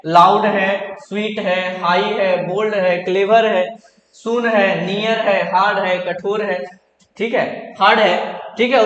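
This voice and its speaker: Male grammar teacher with a high voice who drills by question and answer, recorded in a roomy, echoing hall. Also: a bit bright. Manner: asks questions and answers them himself, repetitive drilling. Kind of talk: classroom grammar lesson in Hindi. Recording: echoey hall, roomy reverb.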